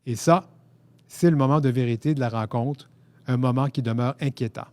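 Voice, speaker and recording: A man from Quebec with a Québécois French accent, reading his own first-person story aloud at a book fair in a lively, self-mocking, theatrical way. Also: medium pitch, moderate pace, no echo. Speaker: author reading his novel.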